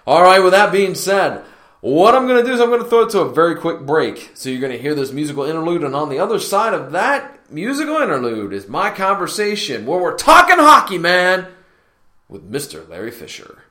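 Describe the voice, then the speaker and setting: A man's voice: high-pitched, very animated, fairly quick, sharp tone. A man hosting his podcast in a casual, upbeat, chatty way, speaking straight to his listeners from a near-empty room that gives his voice a hall-like echo. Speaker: podcast host. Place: near-empty home room being remodeled. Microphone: laptop recording setup. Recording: echoey bare room.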